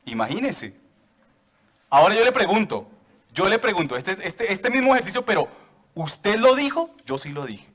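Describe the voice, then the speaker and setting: A man's voice: high voice, big pitch swings, normal speed, fairly bright tone. A man preaching a sermon to a church congregation, joking with them and asking for raised hands.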